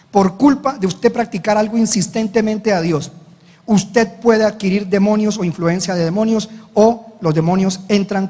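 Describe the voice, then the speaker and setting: A high-pitched man preaches a sermon as pastor, acting out the voices in his story. His voice rings with a long reverb in a large hall. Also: darkish tone. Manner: preaching with dramatic retold dialogue.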